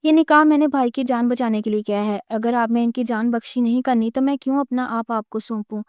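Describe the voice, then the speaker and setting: A woman's voice: a little high, fairly even intonation, darkish tone, smooth, no room sound, studio quality, close to an everyday voice. A woman reading a defiant young bride.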